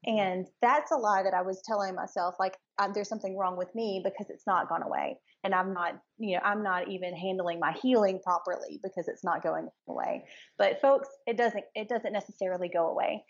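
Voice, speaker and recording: A woman's voice: mid-range voice, a little fast, lo-fi sound. A woman hosting a podcast interview, talking earnestly and reflectively, often repeating words as she thinks. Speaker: podcast host. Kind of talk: casual interview chat.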